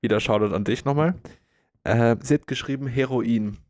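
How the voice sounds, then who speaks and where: A man's voice: mid-range voice, normal speed, darkish tone. Playful young man. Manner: playful, teasing, mock-serious. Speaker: podcast co-host. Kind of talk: casual comedic chat.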